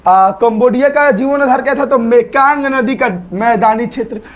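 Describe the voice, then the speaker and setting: In an online history lesson for exam prep, a man with a very high-pitched voice speaks at a moderate pace. He keeps posing questions and answering them himself, and he asks viewers to like and subscribe.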